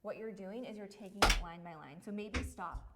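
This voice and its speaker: Lady teaching lettering, casual and encouraging, explains as she goes, mid pitched voice. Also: moderate pace, heavy background noise. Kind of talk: casual hands-on lesson.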